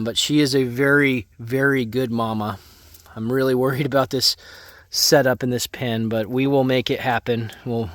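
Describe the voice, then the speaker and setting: A man's voice: mid-range voice, no room sound. A middle-aged man casually narrating a walk-around homestead vlog outdoors, talking in a folksy way to viewers and animals. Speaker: homesteader vlogger. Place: outdoors on a muddy farm and under an animal shelter.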